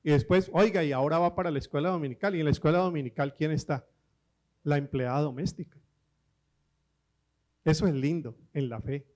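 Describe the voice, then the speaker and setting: A man preaching a sermon, telling stories with quoted voices and humor, slowing down for emphasis. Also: fairly high pitch. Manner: lively, slows down for emphasis.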